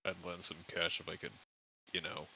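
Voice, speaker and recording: A man's voice: sits low, little pitch movement, a little fast, gravelly, noisy background. A man playing in a tabletop game, crude and full of scheming ideas. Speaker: player. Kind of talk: tabletop role-play chat.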